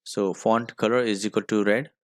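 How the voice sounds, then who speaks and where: A man's voice: lowish voice, fairly even intonation, normal speed, no echo, clean studio sound. A man with an Indian English accent teaching a school computer class, dictating code step by step. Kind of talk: screen-recorded coding lesson.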